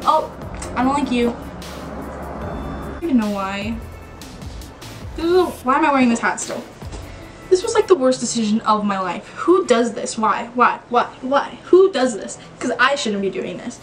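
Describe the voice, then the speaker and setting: A woman's voice: a little high, moderate pace, pauses often, faint music behind, low-quality recording. A woman vlogging to camera in a nervous, rambling way. She talks to herself and repeats her words. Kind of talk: casual vlog to camera.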